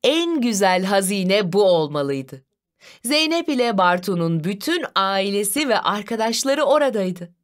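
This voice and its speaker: Expressive woman reading a children's story. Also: medium pitch, measured pace. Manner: expressive, sing-song storytelling.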